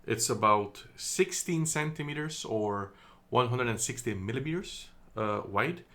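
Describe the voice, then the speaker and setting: Recorded on a phone camera indoors, a Dutch man gives a casual, chatty product review full of ums and self-corrections. His medium-pitched voice is expressive and sharp, at a measured pace.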